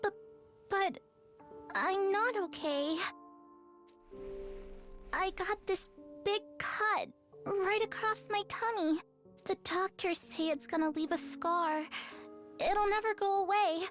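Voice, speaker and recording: A woman playing a vulnerable little girl in an emotional anime game dub, plaintive and childlike, with halting speech. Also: extremely high pitch, a bit bright, soft background music, exaggerated voice. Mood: tearful, hurt.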